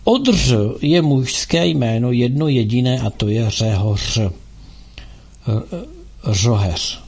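A male radio host with a gravelly, husky voice at an ordinary pitch. He talks through a casual call-in show in a loose, rambling way, stopping often to hunt for words. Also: sing-song, darkish tone. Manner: rambling, halting, with frequent filler sounds.

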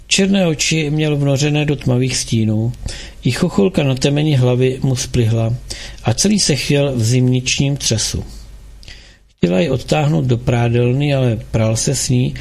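A man narrating an audiobook in a steady, measured reading voice. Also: mid-range voice, gravelly.

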